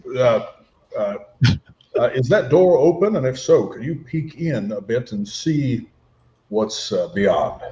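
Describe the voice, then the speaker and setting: A man asking questions in a casual, halting way as a tabletop game player. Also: medium pitch, animated, mellow, breathy edge, lo-fi sound.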